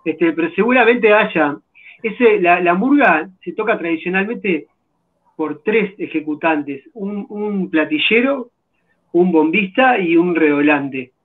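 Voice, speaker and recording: A man's voice: sits high, animated, slow pace. A man, a guest drummer answering interview questions over a video call, thoughtful and agreeable. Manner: thoughtful, agreeable, hesitant restarts. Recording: tinny phone-like video call audio.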